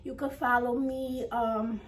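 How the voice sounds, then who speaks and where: A woman's voice: on the high side, level tone, unhurried. A woman talking casually in her first vlog. She is earnest and a bit nervous, slightly out of breath, and repeats herself with plenty of fillers. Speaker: vlogger. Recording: voice a little distant from mic.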